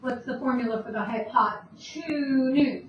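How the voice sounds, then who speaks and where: In a recorded classroom math lesson, a woman whose voice sits high explains things step by step at a moderate pace and answers her own questions. She sounds distant in an echoey room, with a dull tone and faint noise.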